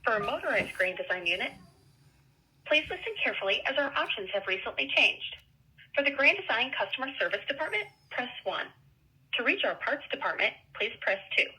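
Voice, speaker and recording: Bright woman's recorded phone menu message. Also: a little high, big pitch swings, fairly quick, slightly rough. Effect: recorded phone menu message over a phone line. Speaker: automated phone line greeting. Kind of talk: scripted phone menu prompt.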